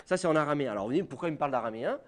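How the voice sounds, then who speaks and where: A man's voice: fairly high pitch, animated, rapid-fire. A man with a French accent giving a university lecture, explaining to students directly, with many fillers. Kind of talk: classroom lecture.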